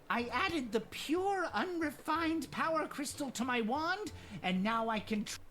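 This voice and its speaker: A woman's voice: high-pitched, a bit bright, heavily acted. A woman voicing a pompous, touchy goblin magician in a video game, theatrical and self-important. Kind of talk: video game character acting.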